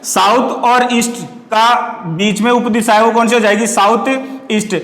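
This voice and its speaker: A man's voice: sits high, steady tone, measured pace, a bit bright. A male teacher giving a lesson who asks questions and answers them himself, repeating key words and teaching memory tricks through wordplay. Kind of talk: classroom lecture with question-and-answer drills. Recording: echoey classroom recording with long reverb.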